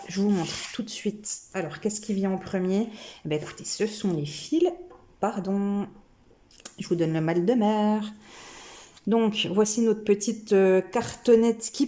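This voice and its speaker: A woman's voice: mid-range voice, mellow, slight background noise. A woman hosting a craft video, chatting casually and enthusiastically as she unboxes cross-stitch kits, thinking aloud with many hesitations. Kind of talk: casual unboxing chat to camera.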